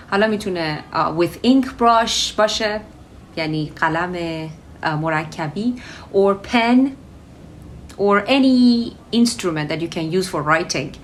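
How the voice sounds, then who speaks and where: A woman, a native Persian speaker, teaching English vocabulary. She switches between Persian and English and slows down to model each word's pronunciation. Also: lowish voice, slight background noise. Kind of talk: vocabulary lesson.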